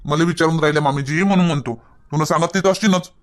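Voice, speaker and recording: A man with a Varhadi Marathi accent, playing a blunt, gruff husband in a village comedy skit. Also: a little high, fast. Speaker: husband and father in a comedy sketch. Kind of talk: scripted comedy skit dialogue.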